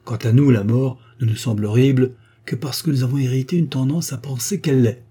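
A man voicing a captured spy who argues gravely about death and then begs for his life, with a warm, husky voice. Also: mid-range voice, brisk, natural voice. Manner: grave reasoning, then frantic pleading. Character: captured male spy, philosophical then desperate.

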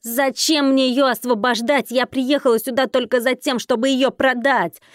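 A woman voicing a brash, scheming young woman with a haughty, shouting manner. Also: mid-range voice, flat delivery, fairly quick, no echo, studio quality, close to an everyday voice. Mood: indignant.

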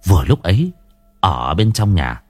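A man narrating a first-person ghost story in an expressive storytelling manner. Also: sits low, normal speed, no echo, soft background music.

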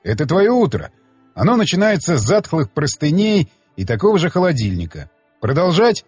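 A man's voice: on the high side, big pitch swings, normal speed, a little mellow, breathy edge, no echo, soft background music. A male audiobook reader voicing a blunt, mocking male companion who lectures like a patient mentor. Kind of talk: audiobook dialogue reading.

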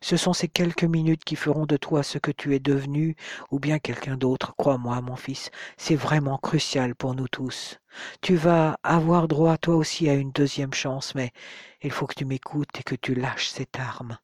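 A man reading the part of a father in his fifties who speaks softly and evenly, gently insisting. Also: medium pitch, steady tone, unhurried, dry recording, clean studio sound, lightly acted. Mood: gentle.

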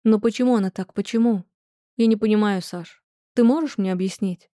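Brief: woman voicing a soft, gentle young mother, mellow dark tone, dry sound. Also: mid-range voice, a little fast, no echo, lightly acted.

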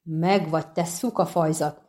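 A woman's voice: low voice, steady tone, dark tone, natural voice. Dainty Biberwelt, a woman doing a blustering halfling. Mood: bellowing. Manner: bellowing, blustering. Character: stout angry male halfling, hot-tempered.

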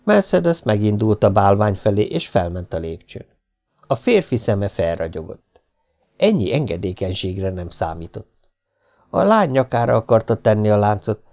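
A man reading a novel aloud as an audiobook narrator with steady storytelling. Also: lowish voice, gravelly. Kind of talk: scripted narration.

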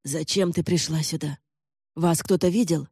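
A man's voice: on the high side, fairly even intonation, normal speed, darkish tone, husky, dry recording, studio quality. A man voicing a curt, commanding old lord. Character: older gaunt male lord, curt and commanding.

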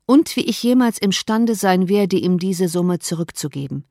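A wry, measured older father of a classic storybook household, read by a woman. He speaks with dry irony. The recording is dry and close, with no room sound. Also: fairly low pitch, animated, warm tone, no room sound. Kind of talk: audiobook character reading.

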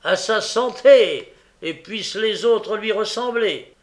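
A man voicing a brutal, domineering male thief who speaks bluntly and loudly. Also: on the high side, sing-song, unhurried, vocal fry, full character voice. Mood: gruff.

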